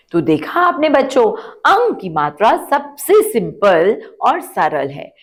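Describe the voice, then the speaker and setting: A woman leads a phonics class for young children. She speaks at a very slow, deliberate pace, stretching the sounds and repeating each word. She asks questions and answers them herself. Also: on the low side. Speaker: children's Hindi teacher. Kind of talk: slow, drawn-out phonics lesson for kids.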